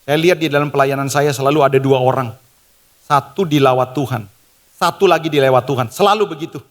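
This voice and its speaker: A mid-range male voice at a quick pace belongs to a pastor delivering an emphatic, fervent sermon directly to his congregation. The large church hall gives the recording a long reverb alongside the worship music in the background.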